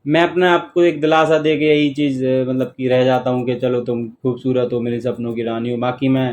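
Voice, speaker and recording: A man vlogger playing a husband in comic couple banter, teasing his wife in a mock-wistful way and pleading for her to talk more quietly. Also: mid-range voice, level tone, moderate pace.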